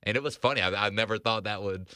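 A man in his twenties, an arena host, telling a story in casual podcast chat, rambling with restarts and quick laughs. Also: on the low side, pushed and bright, no room sound, studio quality. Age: 20s.

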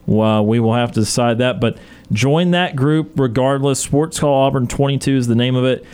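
A man hosting a sports radio show and wrapping up the episode, talking in a relaxed way with filler words. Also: medium pitch, normal speed, clear, resonant tone.

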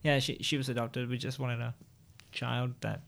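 A man with a lisp that turns his R's into W's, chatting in a halting, repetitive, jokey way as a comedy podcast host. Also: mid-range voice, little pitch movement, gravelly, a bit bright. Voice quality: lisp, can't pronounce R's, says w for r. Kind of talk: casual comic banter.

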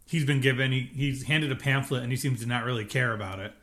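A man's voice: medium pitch, fast talker, fairly bright tone. A man co-hosting a podcast, chatting casually and rambling through an episode recap with many self-corrections. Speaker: podcast co-host.

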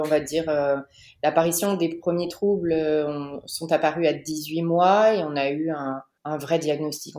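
Podcast guest: woman, 30s, from the Paris region, low voice, hesitant, echoey room. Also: mellow. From Paris region, France. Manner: hesitant, many "euh" fillers and restarts. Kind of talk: podcast interview, personal testimony.

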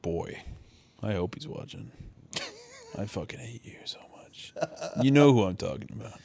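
A man's voice: fairly low pitch, expressive, moderate pace, creaky, mellow, a little hiss or hum. A young man co-hosting a podcast, joking around and swearing often in casual chat. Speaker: podcast co-host.

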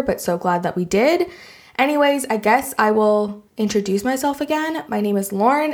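A woman's voice: a little high, a little mellow. A woman with a Canadian accent hosting a solo podcast in a casual, chatty, enthusiastic and informal way. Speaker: podcast host.

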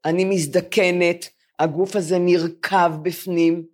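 A woman's voice: fairly low pitch, steady tone, a little mellow. A woman in her seventies, a podcast co-host, chatting in a self-mocking, storytelling way before a live audience. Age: 70s.

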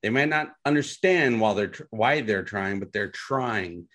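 A man's voice: on the low side, lively intonation, moderate pace, fairly bright tone. Young male podcast host: casual, laughs easily, hesitant fillers. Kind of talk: podcast interview.

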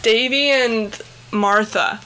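A young adult woman co-hosting a casual chat show, talking freely with lots of "like" and quick impressions of people. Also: fairly high pitch, sharp tone, slight background noise. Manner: chatty, full of "like" and bits of mimicry. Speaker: podcast co-host. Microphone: headphones, on camera.

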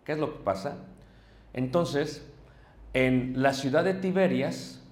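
A man's voice: medium pitch, slow. A man preaching to a congregation, explaining things patiently and often stopping to check whether his listeners are following. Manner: addresses listeners directly, checks in with "ok?". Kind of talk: sermon teaching to a congregation. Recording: echoey room.

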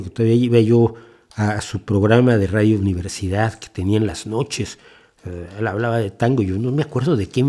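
Man in his sixties, podcast host, dark mellow voice, impassioned opinion monologue, frequent restarts. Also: mid-range voice. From Mexico.

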